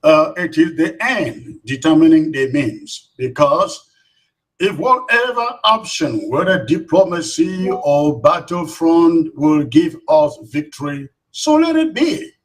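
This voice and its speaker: A man answers interview questions in a firm, steady way. His voice sits a little high for a man, and he sometimes restarts phrases as he goes. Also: rough recording. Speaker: guest, activist.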